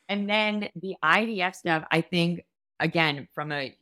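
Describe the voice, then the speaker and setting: Young female comedian guest from New York, chatty and giggly, bright tone, close dry recording. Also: lowish voice, takes it slowly, no echo. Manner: chatty, giggly, lots of fillers and self-interruptions. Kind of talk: casual interview chat.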